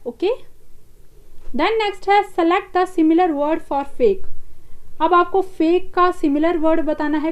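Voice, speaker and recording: High-voiced Indian woman teaching vocabulary. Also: a little mellow, dull audio. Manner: explains in Hindi, reads English options slowly. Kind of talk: exam-prep vocabulary lesson.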